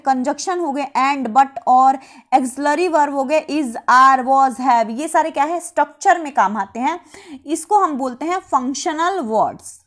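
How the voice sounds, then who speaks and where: A woman teaching an exam-prep lesson, asking herself rhetorical questions and then answering them, repeating key terms slowly. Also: sits high.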